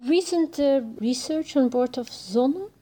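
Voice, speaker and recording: A woman's voice: high-pitched, slow pace, dark tone. A woman from Belgium explaining as an interviewed biology professor.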